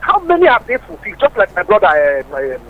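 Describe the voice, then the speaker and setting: A man's voice: high-pitched, huge pitch swings, fast talker. A man calling in over the phone to a radio show, giving emphatic political commentary and asking rhetorical questions. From Nigeria. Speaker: radio call-in caller. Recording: muffled phone line with faint hiss.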